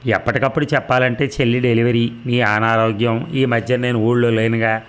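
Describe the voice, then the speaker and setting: Man voicing a calm, coaxing grown son. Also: mid-range voice, brisk, smooth, lightly acted. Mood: placating. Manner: soothing, placating.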